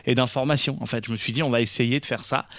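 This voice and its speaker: Rambling French radio host, dry studio. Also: male voice, medium pitch, steady tone, quick pace, fairly bright tone, no room sound. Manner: rambling storyteller, many fillers and restarts. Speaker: radio show host and singer. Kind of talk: casual radio chat.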